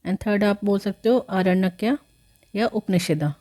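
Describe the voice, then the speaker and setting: A woman's voice: medium pitch, a little slow, dark tone. A woman giving a history lesson, explaining step by step with many fillers and self-corrections, mixing English words into her talk. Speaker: history teacher. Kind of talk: explaining lecture.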